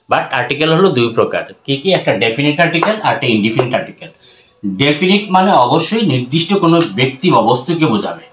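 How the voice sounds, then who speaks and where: A man's voice: medium pitch, a bit bright. Bangladeshi teacher quizzing his viewers. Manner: asks the class questions and answers them himself; mixes English phrases into his talk. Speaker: English teacher. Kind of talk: grammar lesson.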